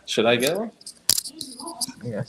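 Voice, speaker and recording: Young male stream host, middle pitch, animated banter, laughs a lot. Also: slow, background noise. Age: 20s. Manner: laughs often, lively banter. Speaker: livestream host. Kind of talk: casual group chat on a livestream.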